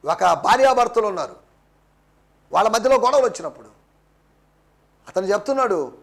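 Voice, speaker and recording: Male pastor, high gravelly voice, emphatic repetitive sermon delivery. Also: animated, fairly quick, a bit bright. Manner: emphatic, repetitive preaching, switching into English.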